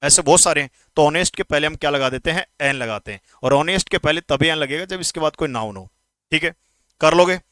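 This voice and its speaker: With a slightly high, somewhat bright voice and no echo, this English grammar teacher addresses his exam-prep students casually. He asks them quick questions and drills pronunciation by slowly repeating words.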